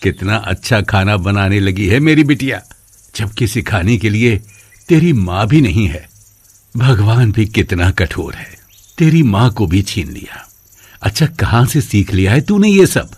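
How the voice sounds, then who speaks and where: A man's voice: on the low side, very animated, measured pace, darkish tone, breathy edge, dry recording, full character voice. A man voicing a loving widowed father who works in a factory, in a cartoon, talking affectionately to his daughter.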